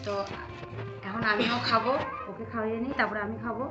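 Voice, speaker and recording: A woman's voice: a little high, flat delivery, fast, muffled recording, loud music behind the voice. A woman in her thirties, a mother of two, chatting casually to viewers as she walks the yard and cooks at home. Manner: chatty, narrating household chores to viewers. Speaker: vlogger, mother of two boys. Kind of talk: casual home vlog chat.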